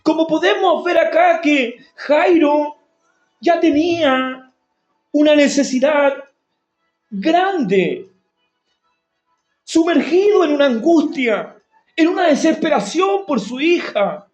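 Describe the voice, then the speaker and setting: A man preaching a sermon with fervent, drawn-out delivery and prayerful exclamations. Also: extremely high pitch, animated. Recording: roomy, dull lo-fi recording with faint music.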